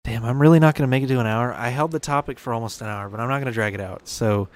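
A man's voice: mid-range voice, very fast, no room sound. A young man in his early twenties hosting a casual solo podcast, rambling and correcting himself, laughing at his own remarks. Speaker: podcast host.

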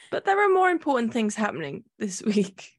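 A woman's voice: a little high, very animated, normal speed, no room sound. A woman co-hosting a podcast in casual chat, giving brief, dry replies. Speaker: podcast co-host.

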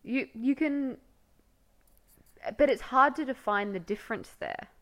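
A woman's voice: sits high, a little slow, a bit bright. A young woman co-hosting a podcast in casual chat, gushing and effusive with frequent fillers. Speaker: podcast co-host.

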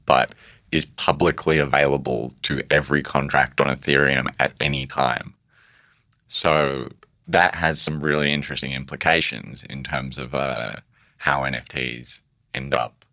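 A man whose voice has been disguised and pitched very deep, explaining an NFT project in a casual interview, thoughtful and halting, with restarts. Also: creaky, bright, forceful tone, dry recording, studio quality. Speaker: pseudonymous NFT project creator.

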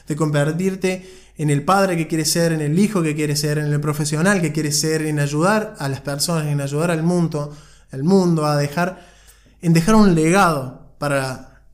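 A man co-hosting a podcast, giving an earnest motivational talk and telling a story, speaking directly to the listener with frequent restarts. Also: on the high side. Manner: frequent restarts and repeated words. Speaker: podcast co-host.

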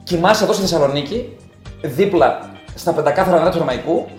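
A man with a fairly high voice tells stories in casual podcast banter, dropping to hushed asides and then bursting out loud. The room is echoey, and faint music plays underneath. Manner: animated storyteller, jumps between hushed asides and loud bursts. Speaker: podcast guest. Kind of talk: casual banter about football.

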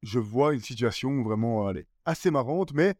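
A man's voice: medium pitch, moderate pace, dry recording, studio quality. Storytelling man with a Belgian French accent. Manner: storytelling, self-mocking, animated. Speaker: guest comedian. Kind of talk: casual podcast chat.

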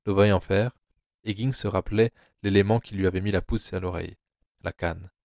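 Deep-voiced male drama narrator. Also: normal speed, creaky, no echo, clean studio sound. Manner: low, steady storytelling.

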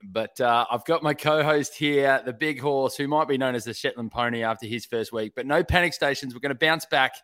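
A man's voice: medium pitch, a little fast, hardly any pauses, a bit bright. An Australian man co-hosting a sports podcast in casual, chatty style. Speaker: podcast co-host.

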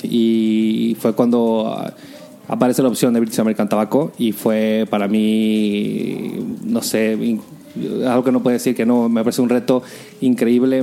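Speaking from inside a home, a podcast guest who works in digital marketing chats casually in a Mexican accent, frequently hunting for how to phrase things. His voice is medium in pitch with a dark tone.

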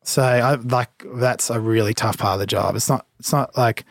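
An Australian man chatting casually in a laid-back, blokey tradesman way, halting and full of fillers, swearing now and then. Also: medium pitch, steady tone, gravelly, no room sound. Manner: halting, rambling, filler-heavy. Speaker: cafe business owner, interview guest. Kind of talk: casual chat.

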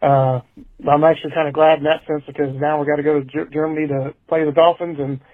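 A man's voicemail played back over a thin, phone-like line, dry and close with no room around him. He talks in a flat, level way, blunt and casual. His pitch sits a bit high for a man. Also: fast talker, dry recording. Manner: blunt, swears casually, shrugging. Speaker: caller. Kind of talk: casual call-in rant.

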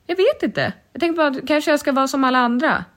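Podcast co-host, woman, chatty, quick to agree and laugh. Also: high voice, animated, fairly bright tone. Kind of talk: casual chat.

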